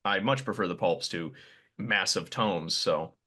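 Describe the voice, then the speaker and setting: A podcast host talking with a friend, his voice low-pitched but bright and forward. He rambles through thoughts and teases his own analogies. The tone is casual and conversational. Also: measured pace. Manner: chatty, rambling, self-deprecating.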